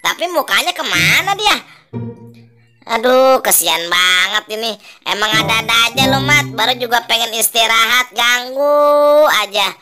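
A woman's voice: a little high, lively intonation, unhurried, bright, forceful tone, soft background music. A woman voicing Toing, a lazy, grumbling male ondel-ondel puppet who teases his crying friend. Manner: grumbling, teasing, bossy.

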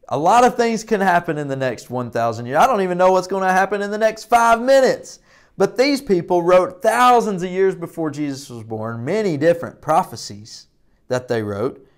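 A man in his thirties giving a children's Bible lesson in a broad, singsong presenter style with emphatic repetition and call and response. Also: fairly high pitch. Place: indoor children's church classroom. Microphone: lapel mic.

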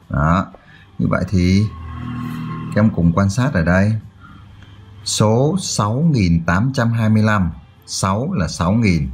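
A man's voice: sits low, darkish tone, breathy edge. A man tutoring children through a math exercise, explaining step by step and often checking that they follow. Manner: checks in often with "được chưa?".

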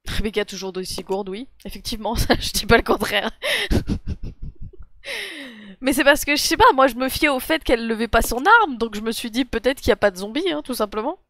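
A woman's voice: on the high side, a little fast, bright, forceful tone, no room sound, clean studio sound. A young woman from France playing a horror video game live, chatting to her viewers and laughing at her own mistakes. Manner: giggly, self-mocking, talks to chat. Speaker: gaming streamer. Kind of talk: let's play commentary. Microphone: desk mic with headphones.

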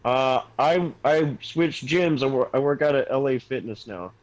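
A man's voice: medium pitch, moderate pace, highs cut off. A man chatting casually with friends while playing an online game, laid-back and laughing often at jokey banter. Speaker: gamer. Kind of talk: casual chat while gaming.

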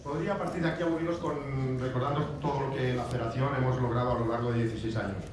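A middle-aged federation president gives an emotional, heartfelt farewell from a podium at an ordinary pitch, talking very fast with repeated phrases and asides. A camera across the large stone banquet hall captured the podium mic from a distance, so his voice rings with heavy echo over a steady noisy hiss.

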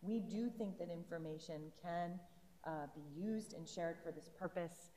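A middle-aged woman with a lower voice lays out rules on a panel, careful and precise. She talks through a lapel mic on a stage, and her voice trails off into the long reverb of a big hall. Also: a little slow, dark tone, slight background noise. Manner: careful, legal-minded, explanatory. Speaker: federal privacy regulator on a panel. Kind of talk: panel discussion. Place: conference stage in a large hall.

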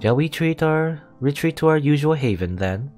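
Man acting a wise storyteller woman, visual novel character, composed, formal, measured delivery, background music. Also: fairly high pitch, animated, a little mellow, pitched above the performer's own voice, lightly acted. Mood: composed, curious. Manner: measured, formal, drawn-out phrasing. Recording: music behind the voice.

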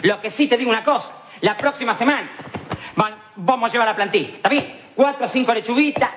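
A man's voice: very high-pitched, fast, a bit bright. A man with a Rioplatense accent playing a cocky streetwise hustler in a TV comedy sketch, rambling in heavy slang and checking again and again that he's understood. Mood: swaggering. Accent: Rioplatense Spanish. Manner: rambling, slangy, swaggering, keeps asking "all right?". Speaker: comic actor in a TV sketch. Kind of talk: TV comedy monologue in character. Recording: dull lo-fi 1990s TV tape with faint hiss.

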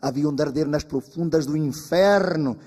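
A woman's voice: deep voice, normal speed, warm tone, husky. A man voicing a crafty, bent old village widow who scolds and bargains, in a long-reverb hall. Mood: scolding. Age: older.

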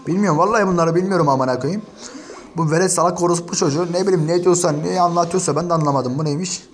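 A man's voice: on the high side, fast talker, soft background music. A man ranting and cursing nonstop as he comments on an online insult battle, talking straight to his viewers. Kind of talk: profane screen-share commentary to viewers.

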